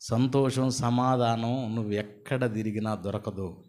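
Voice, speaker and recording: A man preaching a storytelling sermon, animated and full of rhetorical questions and repeated lists. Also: medium pitch, measured pace. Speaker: pastor.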